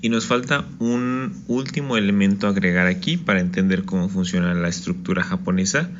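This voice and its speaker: A man's voice: low voice, a little fast, muffled recording, a little hiss or hum. A man teaching an online Japanese lesson, patiently explaining step by step and often checking in with "ok?".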